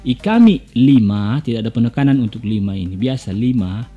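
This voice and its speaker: A man teaching a language lesson for a video channel, pronouncing words slowly and repeating them to drill the stress. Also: fairly low pitch, warm tone, slightly rough, dull audio, faint music behind. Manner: slow, deliberate pronunciation drills, repeating words.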